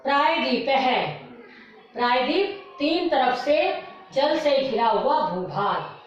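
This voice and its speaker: A Sanskrit teacher with a high-pitched voice leads a classroom lesson on word meanings, moving slowly through a vocabulary list. She patiently repeats each word and corrects pronunciation as a drill. The recording is distant and echoey, dull and lo-fi, with faint music beneath.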